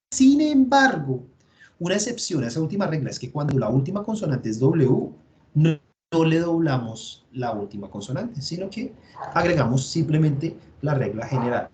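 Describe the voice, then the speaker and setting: A man with a Colombian accent and a fairly high-pitched voice teaches an online class through his computer mic. He explains each step slowly and patiently, thinking aloud as he goes. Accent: Colombian Spanish. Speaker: English teacher.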